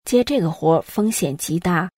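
Low-pitched woman reading reports, dry sound. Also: moderate pace, no room sound. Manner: even, storytelling read-aloud delivery. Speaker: news reader. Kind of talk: scripted news narration.

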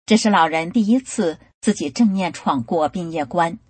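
A woman reading a personal account aloud in a steady, earnest scripted narration. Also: fairly low pitch, moderate pace, breathy edge, no room sound. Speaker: article reader.

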